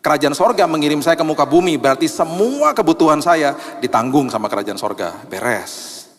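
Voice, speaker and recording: A middle-aged man preaching a sermon as pastor, chatty and lively in his storytelling. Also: fairly high pitch, fairly quick. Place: church sanctuary. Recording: long reverb of a large hall.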